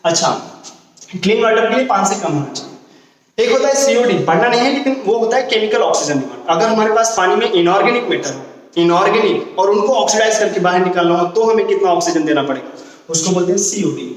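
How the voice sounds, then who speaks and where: A man's voice: sits high, animated, fast. A male chemistry teacher giving a classroom lecture, explaining with questions and repetition and mixing Hindi with English terms. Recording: echoey room, voice from far off.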